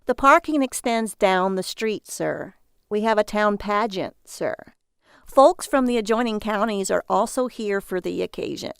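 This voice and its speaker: A frosty hotel clerk, played by a woman reader, drawling each word slowly and formally. The voice has a dry, close sound with a grainy edge. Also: medium pitch, creaky, a bit bright, smooth, dry recording. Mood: coldly polite. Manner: slow, clipped, coldly formal. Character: stiff, unwelcoming male hotel clerk.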